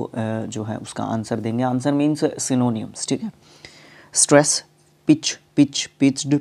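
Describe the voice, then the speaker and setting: A male teacher works through a vocabulary lesson with a warm, mellow voice. He halts often and fills the gaps. He slows right down for the English examples, reading them word by word. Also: medium pitch. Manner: many fillers and restarts, reads English examples slowly word by word.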